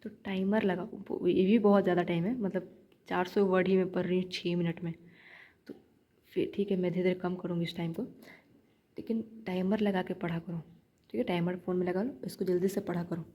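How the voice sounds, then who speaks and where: A woman's voice: fairly low pitch, steady tone, moderate pace, dark tone. A young woman giving chatty shorthand practice tips in a casual vlog, repeating her points as she coaches viewers. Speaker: shorthand learner vlogger.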